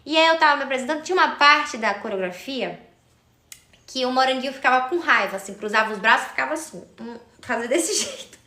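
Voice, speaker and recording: Bright, high-voiced woman telling a story. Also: expressive, quick pace, roomy sound. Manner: chatty, addresses viewers, thanks commenters by name. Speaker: live streamer. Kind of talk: casual storytelling live stream.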